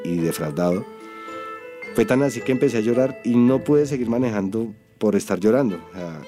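A storyteller telling a personal story in an interview, soft and reflective with hesitant pauses. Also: male voice, on the low side.

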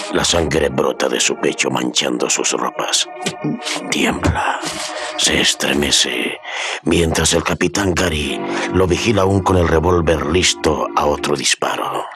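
Extremely deep, gravelly male narrator. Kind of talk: dramatic scripted radio serial narration. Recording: dramatic music behind the voice.

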